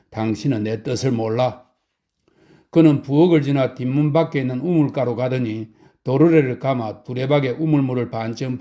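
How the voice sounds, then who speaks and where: A middle-aged man narrating a short story as a slow, soft bedtime audiobook. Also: medium pitch. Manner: slow, soft, even reading. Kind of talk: calm sleep audiobook narration.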